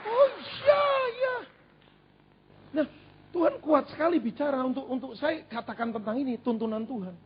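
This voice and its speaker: A man preaching a sermon in an animated, humorous way, with repeated phrases. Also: very high-pitched, moderate pace, slight background noise. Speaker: pastor. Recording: dull lo-fi church recording.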